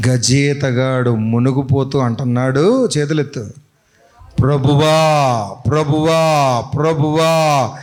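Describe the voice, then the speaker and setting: A man's voice: medium pitch, a bit bright. A man pastor giving an interactive sermon at a church service, quizzing the congregation with repeated questions, on a handheld mic.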